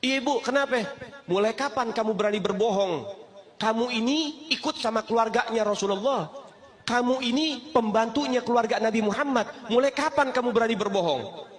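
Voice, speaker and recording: A man's voice: very high-pitched, moderate pace, voice pushed up. A man voicing an upset mother who accuses her servant. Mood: accusing. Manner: accusing, questioning. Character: upset mother, wife of the saint.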